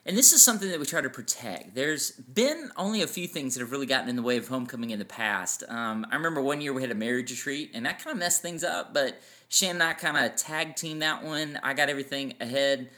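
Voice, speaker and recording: Man, forties, family podcast co-host, bright voice, sentimental storytelling. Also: mid-range voice, animated, fast, hardly any pauses. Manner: storytelling, sentimental, laughs easily. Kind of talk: casual family podcast chat.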